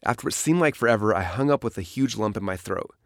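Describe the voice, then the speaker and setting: Narrating his memoir as an audiobook, a man with a lowish, expressive voice reads at a quick pace. The recording is dry and studio quality, and his storytelling grows dramatic in places.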